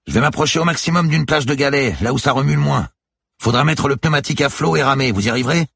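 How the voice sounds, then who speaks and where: A man voicing an urgent male fisherman who shouts curt orders over a storm in an audiobook reading. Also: mid-range voice, fast, creaky, husky, dry recording, clean studio sound, voice pushed up. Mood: grave. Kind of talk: audiobook character voice.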